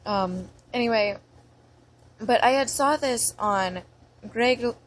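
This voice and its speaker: A woman's voice: a little high, slow, rough recording. A young American woman talking in a casual vlog, rambling and chatty as she reads through a word list. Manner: rambling and chatty, with many fillers. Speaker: vlogger.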